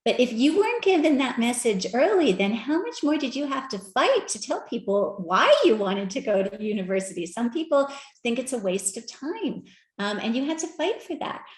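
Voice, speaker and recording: A woman giving a conference talk with slides, animated and conversational, often asking the audience direct questions. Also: on the high side, normal speed, roomy sound. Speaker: speaker at an equity research event. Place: virtual event.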